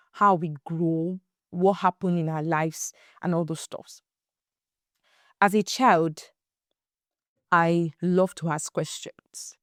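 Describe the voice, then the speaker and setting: Young woman, podcast host, faith talk, animated storyteller, dry close sound. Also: on the low side, no room sound. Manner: animated storyteller, acts out quotes, emphatic repeats. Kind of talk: faith-based casual talk.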